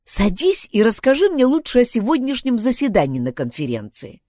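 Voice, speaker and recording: A woman's voice: a little high, huge pitch swings, moderate pace, warm tone, dry recording, studio quality. A woman voicing a cautious boy detective who keeps warning his companion in a storybook. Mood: urgent.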